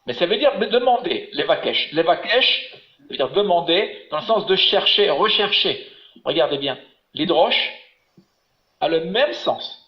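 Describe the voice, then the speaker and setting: A man's voice: high voice, lively intonation, unhurried. A man teaching biblical Hebrew in an online class, patient and encouraging, explaining step by step. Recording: echoey room, dull webinar audio.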